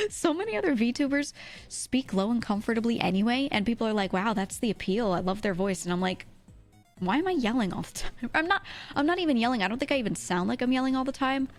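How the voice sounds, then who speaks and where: A slightly high, thin-voiced woman from the US East Coast chats briskly with lively intonation on her livestream, close to the mic. Giggly and rambling, she reads and answers comments from viewers while music plays in the background.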